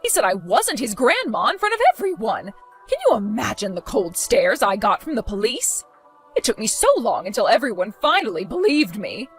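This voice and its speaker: A woman's voice: a little high, big pitch swings, normal speed, soft background music. A woman voicing a spiteful older mother-in-law in a dramatized story, protesting indignantly.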